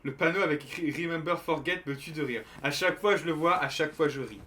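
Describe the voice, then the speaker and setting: A man's voice: fairly high pitch, fast talker, pushed and bright, slight background noise. A young man from France, streaming a game and chatting casually with his viewers in a joking, rambling way, full of restarts. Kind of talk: casual gameplay commentary to chat. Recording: light game music behind.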